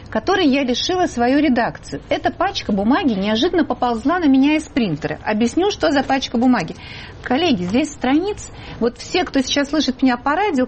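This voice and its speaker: Animated woman hosting a talk show. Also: high voice, slight background noise. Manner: animated, emphatic. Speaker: host.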